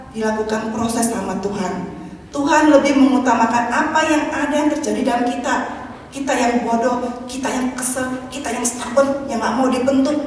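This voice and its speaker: A young woman evangelist with an Indonesian accent preaching a sermon, lively, swinging between loud and soft and acting out quoted voices. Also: a little high, a little hiss or hum. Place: large church hall. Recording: echoey hall from far off.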